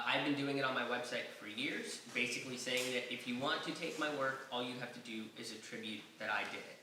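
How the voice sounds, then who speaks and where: A man's voice: medium pitch, slight background noise. A man on a comedy panel, telling stories in a casual way and acting out the dialogue. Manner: animated storyteller acting out dialogue. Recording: echoey room, distant mic.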